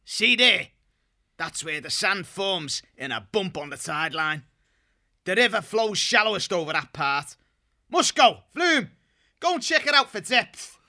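A man's voice: high voice, very animated, unhurried, pushed and bright, voice pushed up, exaggerated voice. A man voicing a practical male shrew chieftain who gives matter-of-fact directions. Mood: shrewd.

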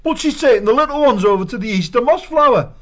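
A man voicing an excitable young male mouse thief who keeps calling his friends matey. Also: extremely high pitch, fast, muffled recording, voice pushed up. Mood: worried. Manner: calls everyone matey.

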